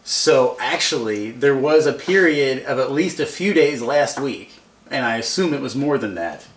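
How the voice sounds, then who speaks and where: A man's voice: medium pitch, lively intonation, moderate pace, recorded from a distance. Chatty man in an echoey room. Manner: chatty, emphatic, argues his point. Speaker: podcast co-host. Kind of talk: casual fantasy sports chat.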